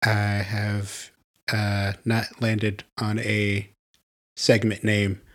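Playful man hosting a podcast, fairly low voice. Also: completely flat delivery, drawn-out words. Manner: playful, jokey, laughs often. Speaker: podcast host. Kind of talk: casual podcast chat.

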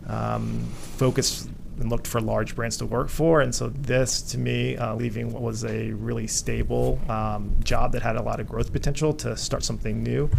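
Gravelly-voiced man, halting with fillers. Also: medium pitch, a little hiss or hum. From Vietnam. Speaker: guest, hotel company co-founder. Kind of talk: radio interview answers.

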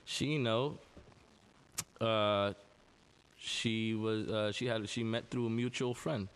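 A man's voice: lowish voice, steady tone, slow, clear, resonant tone. A man with a New York accent, a DJ guest chatting casually in an interview, modest and hesitant with lots of fillers. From New York City. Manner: laid-back, modest, hesitant with many fillers.

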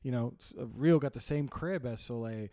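A man's voice: medium pitch, normal speed, dark tone. A man co-hosting a casual podcast, a father telling a story in a rambling way with many restarts. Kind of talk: casual chat.

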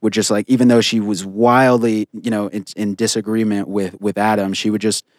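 A man's voice: lowish voice, little pitch movement, normal speed, dry recording, studio quality. A man co-hosting a podcast in casual chat, blunt and opinionated, swearing freely and restarting his sentences often. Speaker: podcast co-host.

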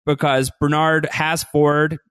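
A man's voice: a little high, slow pace, clean tone, no echo. Guy on a podcast rambling about an episode, dry close sound, keeps restarting. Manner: animated, restarts sentences, acts out quotes. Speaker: podcast co-host. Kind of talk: casual chat recapping a TV episode.

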